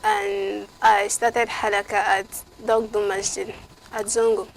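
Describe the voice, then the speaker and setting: A young woman from Nigeria, a guest in an interview, giving short, soft-spoken answers. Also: medium pitch, level tone, measured pace, a little hiss or hum, poor audio. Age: young adult.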